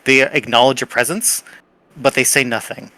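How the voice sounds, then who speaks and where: A man's voice: mid-range voice, fairly even intonation, normal speed, pushed and bright, no room sound, low-quality recording. A man acting as game master, improvising narration in a playful, dramatic way.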